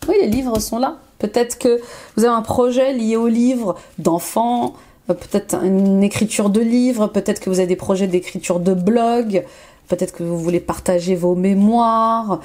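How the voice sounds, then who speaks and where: A woman's voice: medium pitch, measured pace, dark tone. A woman life coach reading tarot cards for her viewers, encouraging and repeating affirmations, with frequent fillers and bursts of enthusiasm. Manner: enthusiastic, exclaims often.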